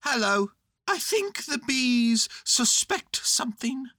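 A woman voicing an earnest, scheming, silly male toy bear from a children's storybook, with excitable, self-important pronouncements. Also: high voice, slow, no echo, studio quality, voice pushed up, heavily acted. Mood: hushed suspicion.

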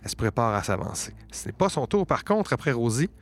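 A man's voice: mid-range voice, very animated. Quebec guy game mastering, takes his time describing stuff, lots of fillers. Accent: Quebec French. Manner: descriptive, unhurried storytelling with many fillers. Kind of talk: narrating a tabletop game.

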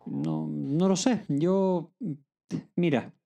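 A woman's voice: on the low side, animated, normal speed, warm tone. A woman doing a stammering awkward man. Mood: hesitant. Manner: hesitant, stammering. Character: awkward cynical man dodging feelings.

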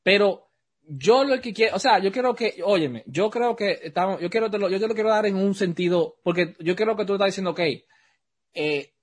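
Dominican male podcast co-host, high husky voice, quick to disagree. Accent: Dominican Spanish. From Dominican Republic. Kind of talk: casual discussion.

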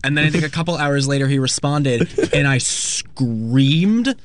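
A man's voice: mid-range voice, a little slow, dry recording. A young man with a mid-range voice banters casually. He tells stories with dramatic self-quotes, and the sound is dry with no room to it. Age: young adult.

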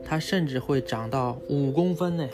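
In a casual lesson with his young child, a father acts as host, explaining animals from a book one step at a time and often asking small questions. He speaks at medium pitch and normal speed, with music playing.

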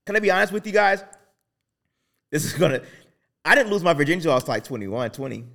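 A man in his thirties hosting a faith talk show, telling personal stories in a casual, animated way with many restarts. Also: fairly high pitch, fast talker, gravelly. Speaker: podcast host.

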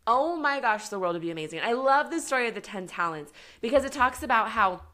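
A woman's voice: a little high, lively intonation, quick pace, bright, forceful tone. A woman coaching people on business and faith in an earnest, encouraging talk, peppered with "like" and little acted-out quotes. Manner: earnest, encouraging, filler-heavy with frequent "like"; acts out little quoted voices for herself and God. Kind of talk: faith-based motivational talk.

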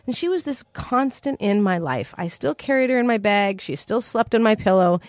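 A woman's voice: mid-range voice, lively intonation, normal speed, no room sound, studio quality. A woman telling a personal story to an audience in an earnest, vivid way.

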